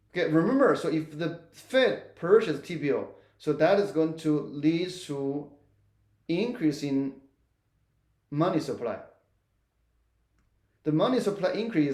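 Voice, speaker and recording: A man with a fairly high voice lecturing on economics in an echoey room. He keeps asking "right?" and often restarts a phrase mid-sentence as he walks through the material. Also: darkish tone. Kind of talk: recorded lecture.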